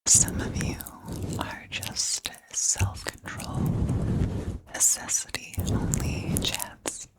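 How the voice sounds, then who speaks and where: A woman whispering softly and breathily into a close ear-to-ear microphone in a chatty ASMR style, in short, halting phrases. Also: low-quality recording. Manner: slow, halting, short phrases with long pauses. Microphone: close ear-to-ear stereo ASMR microphone.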